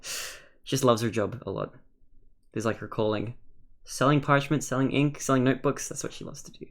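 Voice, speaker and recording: A game master narrating a tabletop game casually, with playful, animated exclamations. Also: mid-range voice, normal speed.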